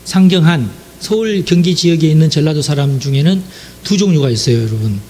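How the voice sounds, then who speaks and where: A man's voice: a little high, a little fast, mellow, breathy edge. A man from the Jeolla region giving a conversational sermon, chatty and speaking straight to his listeners. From Jeolla region, South Korea. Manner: chatty, addresses the audience directly, frequent affirming asides. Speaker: preacher.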